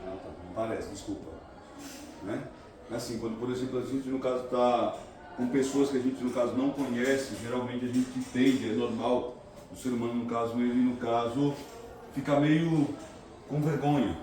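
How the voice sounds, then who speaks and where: A man's voice: medium pitch, fairly even intonation, normal speed, dark tone. A tired man giving a motivational talk to a class of students, filling his speech with "no caso" and pushing the room to answer him. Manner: constant filler "no caso", calls for audience answers. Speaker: recruiter speaking to students. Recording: very echoey room, distant mic, background noise.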